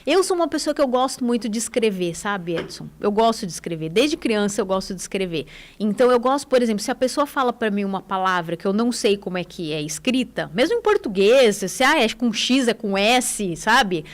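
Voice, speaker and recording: A woman's voice: mid-range voice, animated, brisk. A Brazilian woman in her forties, an English teacher, talking casually on a radio show with enthusiasm and frequent tag questions.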